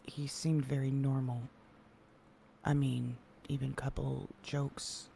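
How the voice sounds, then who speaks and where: A man in an in-character roleplay conversation, speaking in a measured way and sometimes dropping to a hushed whisper. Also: medium pitch, little pitch movement, creaky, a little hiss or hum. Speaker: roleplay player.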